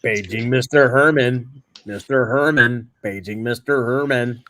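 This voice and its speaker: Man, mid-pitch, doing a jokey hotel paging call: slow, drawn out, raised a little above chat. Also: bright, forceful tone. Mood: mock paging. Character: mock hotel paging announcer calling a guest. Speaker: watch-along co-host. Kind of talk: casual chat.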